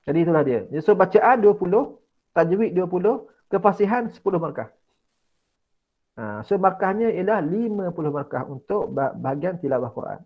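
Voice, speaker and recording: A man's voice: high voice, animated, normal speed, muffled recording. A Malaysian male religious studies teacher giving an online exam-prep lesson, coaxing students and repeating key words. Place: indoors, online class.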